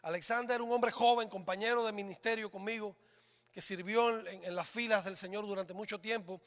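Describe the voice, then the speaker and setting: A male pastor preaching a sermon in a church, dramatic, swinging between loud exclamations and hushed lines. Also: high-pitched, steady tone, brisk. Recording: reverberant church hall.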